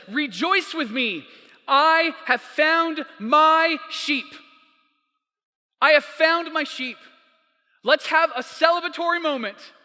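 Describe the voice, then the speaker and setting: A man preaching a sermon as a pastor, telling stories emphatically and slowing down for quotes. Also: very high-pitched, pushed and bright. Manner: storytelling, emphatic, slows down for quotes. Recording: long hall reverb.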